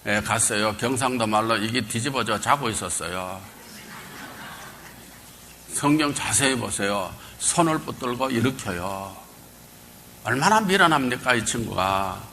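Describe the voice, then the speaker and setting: A male pastor giving a Bible lecture, quizzing his congregation and calling for answers, swinging between loud bursts and quiet asides. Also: mid-range voice, slight background noise. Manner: quizzes the congregation, call and response.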